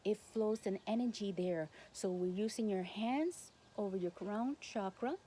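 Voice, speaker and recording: A woman who is a native Spanish speaker guides a listener through a spiritual healing session in accented English. Her voice sits at a medium pitch, and she talks in short, halting phrases with non-native grammar. There is noticeable noise in the background of the recording. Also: mellow. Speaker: Reiki healer and instructor. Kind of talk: guided spiritual instruction to camera.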